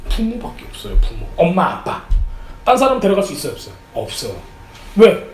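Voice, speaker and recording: A man preaching a sermon as pastor, animated, often acting out the lines of the people in his story. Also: high voice, brisk, roomy sound, soft background music, poor audio. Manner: animated, acts out quotes of characters. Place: church sanctuary.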